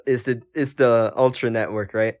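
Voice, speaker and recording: A man's voice: mid-range voice, fairly even intonation, moderate pace, darkish tone. A young man hosting a casual podcast chat over a voice call, hesitant, with many ums and laughs. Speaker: podcast host.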